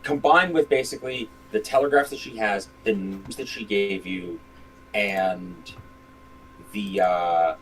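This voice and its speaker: A man's voice: on the low side, a little slow, fairly bright tone, a little hiss or hum, poor audio. Guy running a tabletop game, lots of uhs and restarts, kinda rambly. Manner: rambling, many fillers and restarts. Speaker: game master.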